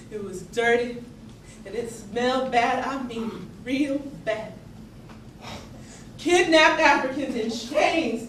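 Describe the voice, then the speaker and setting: A stage actor with a high, somewhat bright voice performs a theatrical monologue as an earnest young enslaved woman from the American South, speaking in a Southern accent. Her 19th-century storytelling is folksy, emphatic and halting, rising in dramatic swells, with a grim, weary mood. The mic sits far off on an indoor theatre stage, so the recording is echoey and noisy.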